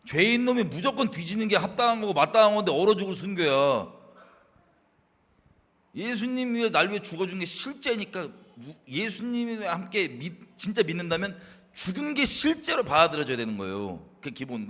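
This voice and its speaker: A man in casual faith talk, animated and laughing, acting out his past self scolding others. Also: high voice, normal speed, long reverb tail. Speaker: co-host.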